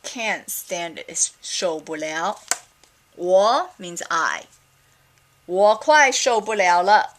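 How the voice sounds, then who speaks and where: A middle-aged Taiwanese woman vlogs a casual opinion rant, rambling with many fillers and sounding exasperated. Her voice is lowish, a bit bright and animated, and she speaks slowly.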